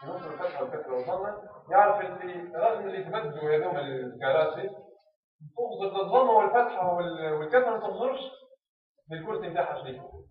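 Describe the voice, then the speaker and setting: A Tunisian man teaches a classroom lesson, pressing his students with question after question at a quick clip. His voice sits fairly high for a man. It comes through a tinny, phone-like channel, heavily echoey and from well off the mic. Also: expressive, recorded from a distance. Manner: quizzes the class with repeated questions.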